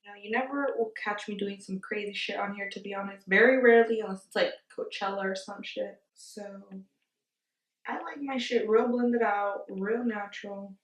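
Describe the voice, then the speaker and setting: A woman's voice: medium pitch, moderate pace. A woman chatting through a casual makeup tutorial, giggly and tipsy, playful, slangy and exclamatory. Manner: giggly, tipsy drunk talk. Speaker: beauty vlogger. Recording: echoey room, distant from mic.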